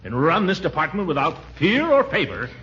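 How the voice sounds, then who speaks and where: An actor playing a pompous, blustering middle-aged small-town official and uncle, flustered and exclaiming in 1940s radio comedy style. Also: male voice, a little high, wildly swooping pitch, fairly quick, fairly bright tone. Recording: dull, noisy vintage radio recording.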